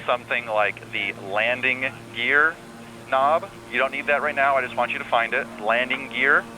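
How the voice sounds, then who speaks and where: A man working as an air traffic controller on the radio, calmly giving reassuring step-by-step instructions. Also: mid-range voice, moderate pace, rough recording. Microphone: radio transmission. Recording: air traffic radio with faint hum and noise.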